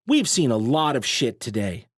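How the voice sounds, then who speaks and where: A man's voice: mid-range voice, big pitch swings, normal speed, breathy edge, no room sound, clean studio sound. A man voicing a brash young male fighter with a wisecracking way of talking. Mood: earnest.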